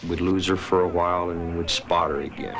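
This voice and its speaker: A man's voice: low-pitched, steady tone, fairly quick, noisy background. A man in a TV interview recounting an incident he handled as an officer. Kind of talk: interview recollection. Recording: music under the voice. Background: music.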